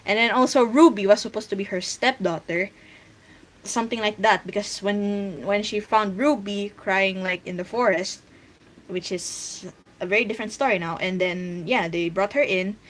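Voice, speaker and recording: Brief: Filipino woman artist, mid-pitched, chatting loosely on a drawing stream, lots of "like"s and restarts. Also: moderate pace. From Philippines. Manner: rambling, filler-heavy, restarting thoughts aloud. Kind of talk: casual livestream chat.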